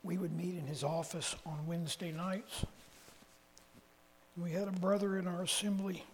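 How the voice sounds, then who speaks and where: In a church meeting hall, a lay preacher gives a conversational sermon to the assembly, rambling through folksy personal stories and correcting himself in asides. His voice is high and a little mellow, with a level tone and moderate pace. The hall is reverberant, with a faint hum.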